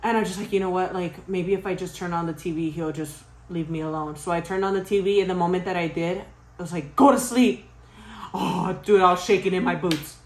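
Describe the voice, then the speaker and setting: A young woman vlogger casually telling a spooky story to her viewers, animated and swearing, often laughing. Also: on the low side, fast, hardly any pauses, reverberant.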